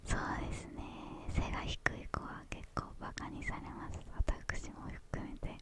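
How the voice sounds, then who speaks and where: Hushed whispering young woman, ASMR style. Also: normal speed. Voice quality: hushed, breathy unvoiced whisper. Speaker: ASMR creator answering viewer questions.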